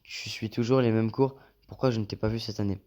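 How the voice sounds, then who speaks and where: Deep-voiced, rambling young-sounding man. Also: fairly even intonation, fairly quick, a little mellow, a little hiss or hum. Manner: rambling, talkative and slangy. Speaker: gaming YouTuber. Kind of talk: let's play commentary, reading game lines aloud.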